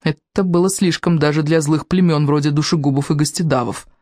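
A man narrating an adventure audiobook with a lively, dramatic reading. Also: fairly high pitch, a little fast, no echo, studio quality. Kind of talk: expressive storybook narration.

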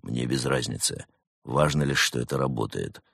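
A man voicing a cool-headed male snow leopard secret agent with a dry, curt, sardonic manner and a husky voice. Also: extremely low pitch, unhurried, a bit bright, no room sound, heavily acted.

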